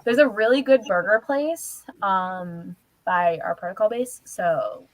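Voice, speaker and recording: An Australian woman cosplayer answers questions in character on a livestream, rambling with plenty of fillers and hesitations. Her mid-range voice is a little slow, and the rough recording has no room sound.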